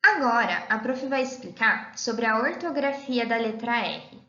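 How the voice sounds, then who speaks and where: A woman teacher giving an online lesson to young children, talking in a slow sing-song way and calling herself "the teacher.". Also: a little high, animated, bright, forceful tone. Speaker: primary school teacher. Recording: echoey room, dull lo-fi sound.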